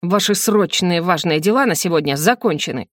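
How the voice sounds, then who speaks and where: A woman voicing a hot-tempered, jealous young husband who growls and shouts. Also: fairly low pitch, lively intonation, fairly quick, dry recording, clean studio sound. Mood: furious.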